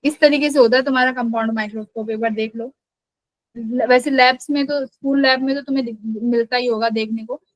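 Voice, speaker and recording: A woman's voice: fairly high pitch, steady tone, brisk, no room sound, highs cut off. A young adult woman teaching physics in a live online class, explaining patiently and often checking that the students follow.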